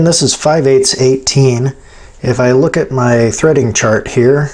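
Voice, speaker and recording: In this machining tutorial, the host speaks with a darkish, mid-range voice as he demonstrates practical steps in his home shop. His explanations are informal and folksy, delivered indoors at the lathe.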